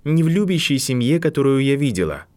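A man reading an audiobook, voicing a composed older woman professor who speaks softly and sympathetically. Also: medium pitch, very animated, voice pushed up, close to an everyday voice. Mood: gentle. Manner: soft, sympathetic, measured. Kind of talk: audiobook narration.

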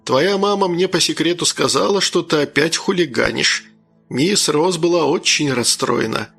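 A man's voice: a little high, normal speed, vocal fry, a bit bright, breathy edge, faint music behind, full character voice. A man voicing a cheerful upbeat dad. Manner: upbeat, joking. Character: cheerful young father. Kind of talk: audiobook character voice.

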